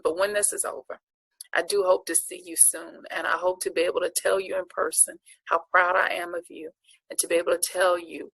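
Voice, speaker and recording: Gravelly, husky woman giving earnest encouragement. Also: on the low side, fairly bright tone, dry recording, low-quality recording. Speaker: award honoree giving a speech. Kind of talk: inspirational speech.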